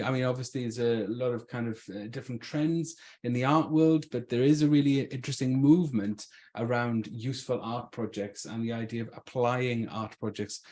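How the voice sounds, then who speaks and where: A man's voice: medium pitch, warm tone. A man from Swansea with a Welsh Swansea accent gives an informal public talk as an invited arts speaker, conversational and thinking aloud. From Swansea, South Wales.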